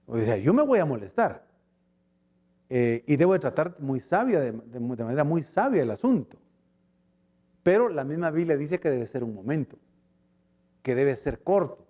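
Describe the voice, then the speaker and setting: A man's voice: a little high, normal speed, pauses often. A man with a Guatemalan accent preaching a sermon as pastor, acting out short dialogues as he goes. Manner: animated preaching, acts out little dialogues.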